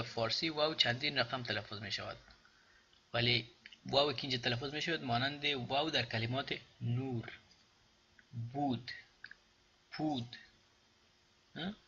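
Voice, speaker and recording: A man's voice: medium pitch, vocal fry, sharp tone, husky, lo-fi sound. Man teaching German words in Dari. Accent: Afghan Dari. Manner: repeats example words slowly, then explains. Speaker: language teacher. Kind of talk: pronunciation lesson.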